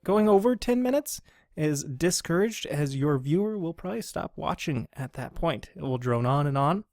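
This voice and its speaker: A man hosting a training video in a slightly high voice, slowing down and enunciating each word with care. He sounds close to the mic, and the dry recording has almost no room sound. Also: lively intonation, darkish tone, no echo. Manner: slow, deliberately enunciated presenting voice. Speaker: instructional video host. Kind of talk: scripted training tutorial.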